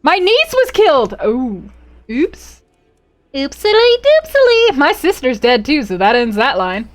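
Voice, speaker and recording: A woman's voice: high-pitched, huge pitch swings, measured pace. A woman streaming a strategy game live. She reads the event text aloud, reacts with playful exclamations and talks to her chat.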